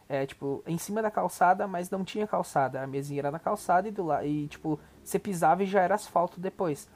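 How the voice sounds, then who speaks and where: A man's voice: a little high, a little mellow. A young adult man with a Brazilian accent, hosting a podcast and giving casual, profane, rambling reaction commentary. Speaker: podcast host.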